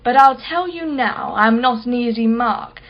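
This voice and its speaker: In a radio play, an actress portrays a haughty, sharp-tongued rich art collector, speaking articulately with an imperious, sardonic, disdainful edge. Her natural female voice is on the high side and a little slow, and the recording is muffled.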